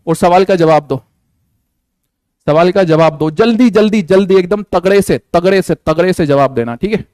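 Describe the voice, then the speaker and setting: A man's voice: high voice, a little mellow, no echo. A man teaching a live online class, coaxing students with repeated questions and playful jokes.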